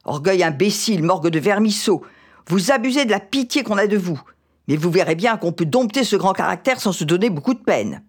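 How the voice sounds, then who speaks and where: A woman's voice: mid-range voice, lively intonation, brisk, slightly rough. A woman reading aloud as a furious, domineering older colonel who blusters and hurls insults at his wife. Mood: angry. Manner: blustering, insulting, indignant questions.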